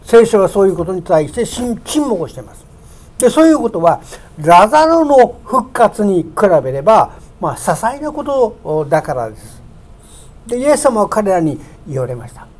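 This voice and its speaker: In a church sanctuary, a pastor preaches with a medium-pitched, slightly mellow voice and big pitch swings. He builds to emphatic raised peaks on key words and slows down when reading scripture aloud.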